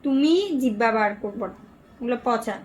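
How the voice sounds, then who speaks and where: A woman's voice: a little high, brisk, noisy background. A young woman at home doing cooing, sing-song baby talk with her infant niece, playfully scolding her. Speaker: aunt playing with a baby niece.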